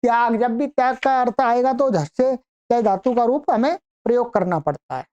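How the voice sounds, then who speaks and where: A woman teaching an online grammar lesson, reciting verb conjugations in a slow, measured list. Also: on the high side, animated, darkish tone, highs cut off. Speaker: Sanskrit teacher.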